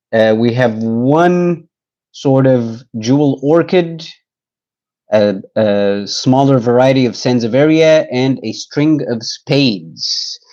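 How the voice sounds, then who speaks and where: A man's voice: mid-range voice, warm tone, dull audio. A young man giving a casual, joking live tour, talking in an easygoing, rambling way.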